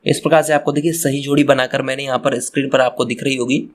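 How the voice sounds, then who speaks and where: A man's voice: medium pitch, flat delivery, quick pace. Guy teacher going over exam answers for kids, repeats stuff a lot, talks right to the students. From Madhya Pradesh, India. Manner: repeats phrases, addresses children directly, restarts words. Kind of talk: exam answer walkthrough lesson.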